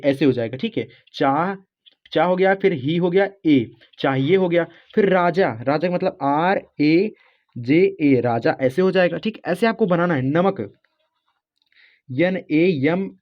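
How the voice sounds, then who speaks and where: A man teaching a spelling lesson, slowly spelling out words letter by letter and often checking in with the listener. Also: on the high side. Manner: slow, spells out letters one by one, often says "ठीक है". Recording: muffled lo-fi recording.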